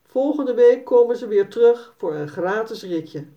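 A woman reading a children's story aloud in a calm, gentle storytelling manner. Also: fairly high pitch, unhurried. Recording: dull, slightly distant recording.

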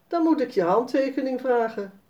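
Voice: sits high, lively intonation, moderate pace, a little mellow, muffled recording, voice pushed up. A reader doing a playful storybook mother. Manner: kind, explaining.

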